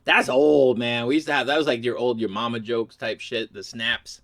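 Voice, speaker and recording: A man's voice: mid-range voice, moderate pace. A middle-aged man hosting a comedy video, talking casually and profanely and laughing a lot. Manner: animated, profane, laughing often. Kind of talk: casual reaction commentary.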